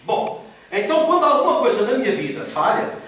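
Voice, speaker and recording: A pastor delivers a sermon with emphatic repetition, questioning his congregation as he goes. His voice is high for a man, a bit bright, very animated and fairly quick. It rings through a very echoey church hall, captured by a distant mic.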